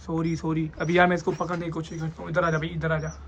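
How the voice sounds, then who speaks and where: A man's voice: fairly high pitch, completely flat delivery, quick pace, dull audio. A young man chatting casually in a pet vlog, coaxing and scolding a child while handling birds by the cages. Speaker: pet vlogger.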